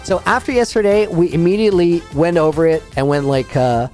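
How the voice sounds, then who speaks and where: A man's voice: a little high, brisk, a little mellow, soft background music. A man streaming a game, chatting casually with viewers, rambling and laughing often while reading out names. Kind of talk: casual livestream chat while playing a game.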